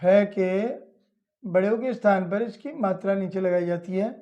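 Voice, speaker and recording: A man teaching children to read Hindi, spelling out each syllable slowly and repeating it, with a Hindi accent. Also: high voice. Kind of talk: slow instructional lesson. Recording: dull lo-fi audio.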